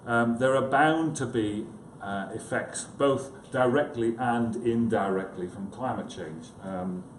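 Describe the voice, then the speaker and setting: Here a male psychiatrist talks at a slightly slow pace in a mid-range voice, giving an informal conference talk. He hesitates, downplays himself, and makes friendly side comments to the audience. The conference room sounds echoey, and background noise is obvious.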